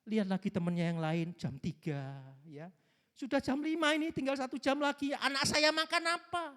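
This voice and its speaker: A man preaching a sermon, telling stories with lively delivery and acting out the voices of the people in them. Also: sits high, moderate pace, long reverb tail. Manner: lively storytelling, acts out quoted voices. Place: church hall.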